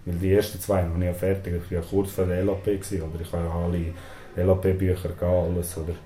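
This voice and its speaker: This prison inmate in his twenties, a Serbian-speaking Swiss man with a Swiss German accent, gives interview answers in a level tone and at a fast pace. His voice is low, very dark, muffled and mellow, and he keeps hesitating with "äh" and tagging on "oder?". The small storeroom where he's recorded is echoey, with faint noise in the background.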